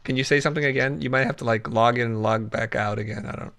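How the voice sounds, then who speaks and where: A man hosting a casual livestream chat on a video call, jokey and quick to laugh. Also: medium pitch, steady tone, vocal fry, fairly bright tone. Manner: jokey, laughs often, slips into whispers. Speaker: host.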